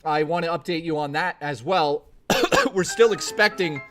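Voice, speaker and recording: Male streamer, brash and bright, casual and profane, joking with chat. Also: on the high side, lively intonation, normal speed, soft background music. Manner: reads and answers chat. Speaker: live streamer.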